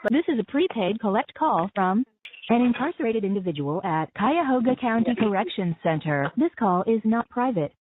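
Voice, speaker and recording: A woman's voice: a little high, big pitch swings, moderate pace, background noise. A woman's recorded announcement playing over a payphone line, delivered in a formal, scripted manner. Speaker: automated jail call announcer. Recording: tinny prison payphone line.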